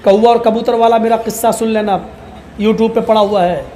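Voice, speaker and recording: A male preacher tells stories in an animated sermon and often rises to fervent shouts. His voice sits unusually high for a man. A faint hiss of noise stays underneath. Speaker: Islamic preacher. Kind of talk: storytelling sermon.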